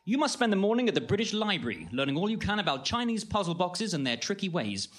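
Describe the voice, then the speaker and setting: Comic radio detective: a man as a brisk, teasing sleuth, lively higher voice. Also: full character voice. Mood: wry. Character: confident wry male detective. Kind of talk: comedy audio drama.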